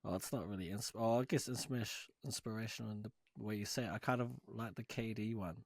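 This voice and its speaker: Laid-back man with a low voice. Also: quick pace, husky, no room sound. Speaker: podcast co-host. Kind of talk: casual podcast chat.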